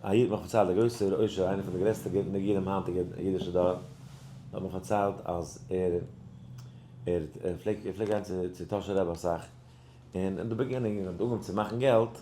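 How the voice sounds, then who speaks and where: A lower-pitched man leads a Torah lesson, stumbling through restarts and then jumping high as he plays the voices in his tale. English words slip into his speech now and then. The recording has a noticeable roomy echo. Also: a little hiss or hum. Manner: animated, acts out dialogue in the story with sudden high pitch jumps; halting, many restarts and repeated words. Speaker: rabbi teaching a Torah class.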